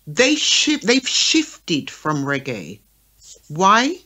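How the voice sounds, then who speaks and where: A woman with a lowish, slightly rough voice draws out her words as she co-hosts a talk show on the radio. She's a promoter, lively in manner, who makes her case and regularly checks in with "right?" or "okay?".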